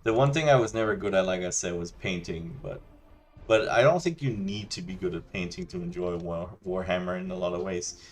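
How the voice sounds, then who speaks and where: A Danish gaming channel host, a native Danish speaker, rants casually over gameplay in a low, chill voice at a brisk pace. His talk is rambling, loose and chatty, full of restarts and plenty of "you know."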